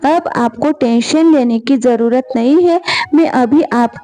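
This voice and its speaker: An earnest young husband in an animated storybook, voiced by a woman reader. The voice stays high and mellow, with slow, questioning delivery. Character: young husband, puzzled then decisive.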